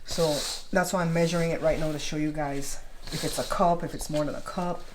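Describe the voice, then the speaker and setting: Lower-pitched woman, casual baking host. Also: steady tone, fairly quick. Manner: explains step by step, checking in with viewers. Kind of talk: casual cooking tutorial chat. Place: indoors at a kitchen counter. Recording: clearly noisy home recording.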